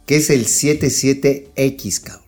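A man's voice: medium pitch, steady tone, takes it slowly, a little mellow, faint music behind. Slangy Mexican man, joking commentary. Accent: Mexican Spanish. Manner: slangy, joking, swears freely. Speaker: co-host of a financial talk show. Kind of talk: casual, profane financial commentary.

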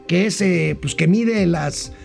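A man's voice: high voice, slow pace, gravelly, faint music behind. A man with a Mexican Spanish accent co-hosting a talk show, reading viewer comments aloud in a jokey way. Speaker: co-host. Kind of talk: casual talk-show chat.

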